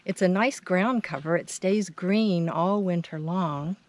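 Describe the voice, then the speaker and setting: An American woman narrating an informative garden tour in plain, measured phrases, unscripted, as a home gardener. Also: fairly low pitch, no room sound. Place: outdoors in a home front garden. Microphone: handheld camera's built-in mic. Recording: outdoor handheld recording with ambient noise.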